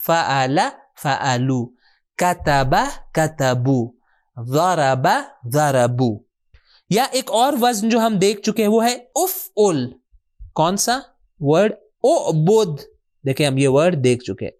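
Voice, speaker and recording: A male teacher explaining Arabic word patterns in a recorded lesson, patiently asking questions and answering them himself, repeating words slowly and mixing in English words. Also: on the high side. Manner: mixes English words into his speech. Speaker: Quran and Arabic grammar teacher.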